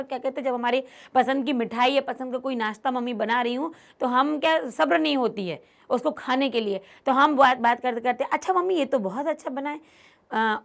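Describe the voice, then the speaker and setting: A woman's voice: high-pitched, creaky. A woman teacher gives an online lesson, reading Sanskrit lines aloud and explaining them word by word, and acting out the characters' lines in a livelier voice.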